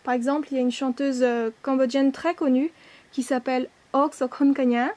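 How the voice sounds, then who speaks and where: A woman's voice: high voice, fairly even intonation, brisk, warm tone. A woman teaching a language lesson, patiently repeating each word and spelling things out, now and then correcting herself.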